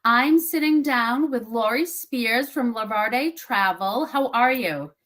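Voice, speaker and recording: A woman with a Massachusetts accent hosting a casual video interview, upbeat and quick to affirm. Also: fairly high pitch, a bit bright. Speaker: interviewer, host.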